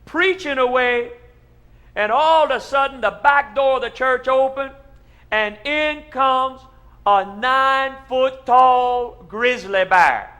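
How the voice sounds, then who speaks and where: A man's voice: extremely high pitch, lively intonation, pitched above the performer's own voice, heavily acted. A man with a Cajun accent voicing an earnest pastor who tells an absurd tall tale in comic storytelling, drawn out and emphatic. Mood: excited, incredulous. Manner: loud, drawn-out, emphatic preaching delivery.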